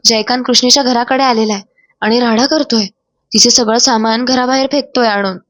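A woman's voice: on the high side, steady tone, brisk, fairly bright tone, dry recording, close to an everyday voice. A woman voicing a young male henchman reporting hurriedly in a retold TV drama.

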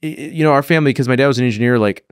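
A man's voice: medium pitch, rapid-fire, clean tone, no room sound. Dry-humored man in a podcast studio. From California. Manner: dry, thoughtful, frequent restarts. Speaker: guest film director. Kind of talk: casual interview. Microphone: studio mic on boom arm.

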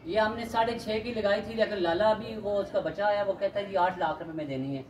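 A man, walking a used-car lot and pitching cars in a steady, repetitive salesman patter. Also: fairly quick. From Pakistan. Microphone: handheld phone camera. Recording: noisy outdoor lot.

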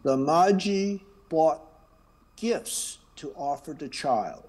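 A man whose native tongue is Chinese addresses a church sanctuary slowly, reading announcements and leading the call to worship while a crowd murmurs in the background. His expressive voice sits a bit high, and he's friendly and relaxed, adding small asides.

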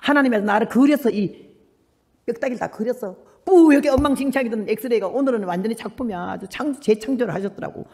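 An older woman missionary tells her testimony to a church in quick, animated bursts and acts out the voices of others. Her words ring out with a long reverb in a large hall. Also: a little high, husky. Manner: animated storytelling, acting out voices. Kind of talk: preaching a personal testimony.

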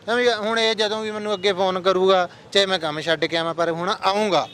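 A young man with a Punjabi accent talks earnestly in a casual street chat, explaining at length. His voice sits fairly high and sounds bright and forward, with traffic noise behind. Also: steady tone, fast talker. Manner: earnest, explanatory, addresses friends as brother. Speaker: interviewee. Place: outdoors on a street.

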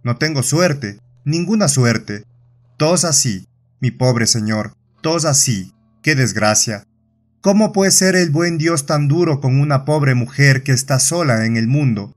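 A man's voice: medium pitch, expressive, measured pace, faint music behind. A man with a Latin American Spanish accent voicing a bitter, hypocritical peasant woman in her forties, whining and shrieking in an audio horror story. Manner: whining then shrieking with rage.

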